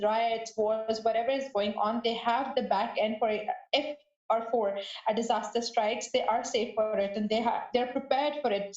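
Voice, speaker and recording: A fairly high-pitched woman speaks on a podcast panel, thinking aloud as she goes, with frequent restarts and fillers. Her voice sounds roomy and a little dull, like a lo-fi online call. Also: a little mellow. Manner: halting, restarts and searches for words. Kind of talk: unscripted answer to a question.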